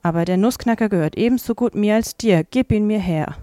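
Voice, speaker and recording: A woman's voice: lowish voice, steady tone, moderate pace, mellow, dry recording, studio quality, lightly acted. Woman doing a brash young boy. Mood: defiant.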